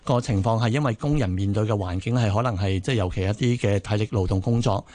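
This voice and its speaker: Male radio co-host, Hong Kong Cantonese accent, fast-paced, informal interviewer who restates points as questions. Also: on the low side, dark tone, dry recording. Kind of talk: conversational interview questioning, rephrasing for clarity.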